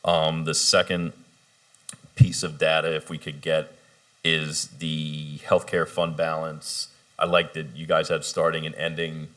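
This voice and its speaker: Very deep-voiced man dictating requests. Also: a bit bright. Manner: measured, deliberate, slows down to dictate requests. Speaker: union coalition spokesperson. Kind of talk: formal negotiation statement.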